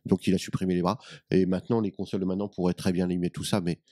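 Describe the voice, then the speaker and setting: Male guest, very low and mellow voice, eager talker who interjects often. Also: little pitch movement, dry recording, clean studio sound. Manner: enthusiastic, chimes in with quick agreements. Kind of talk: casual chat on radio.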